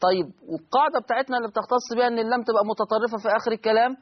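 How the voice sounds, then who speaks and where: A man with an Egyptian accent hosting a recitation lesson, explaining patiently and slowing down to intone the example words. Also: very high voice, lo-fi sound. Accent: Egyptian Arabic. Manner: explanatory, repeats key phrases, slows to intone example words. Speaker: Quran recitation teacher and host. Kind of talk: recorded online lesson.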